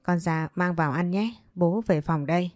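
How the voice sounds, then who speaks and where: A woman's voice: on the low side, moderate pace, darkish tone, no room sound, clean studio sound, close to an everyday voice. A woman reading the lines of a middle-aged stepfather in a storybook narration, speaking in a soothing, placating way. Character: smooth-talking stepfather, man, middle-aged.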